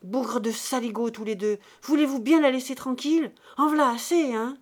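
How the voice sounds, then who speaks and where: A woman voicing an angry old peasant man who scolds his family loudly. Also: medium pitch, unhurried, natural voice. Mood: indignant. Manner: indignant, scolding.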